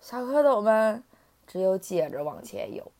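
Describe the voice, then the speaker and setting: Animated woman telling a children's story. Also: medium pitch, unhurried.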